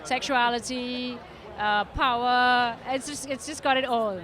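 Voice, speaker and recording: A woman's voice: a little high, fairly even intonation, a bit bright. A middle-aged woman with a Trinidadian accent, a film producer answering questions on a red carpet, full of restarts and fillers. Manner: halting, many restarts and fillers. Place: outdoor red carpet event.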